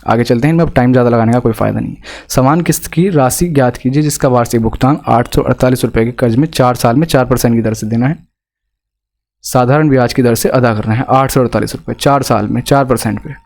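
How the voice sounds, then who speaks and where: A man's voice: medium pitch, quick pace, creaky, darkish tone. A male math teacher with an Indian accent, explaining exam problems step by step and asking students rhetorical questions. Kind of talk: exam-prep math lesson.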